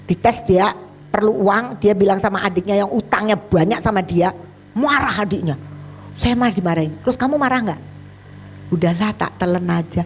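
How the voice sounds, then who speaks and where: A woman's voice: mid-range voice, slight background noise. A woman evangelist preaching a sermon, telling a story with chatty acted-out dialogue. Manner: animated, acts out both sides of dialogues in a chatty colloquial way.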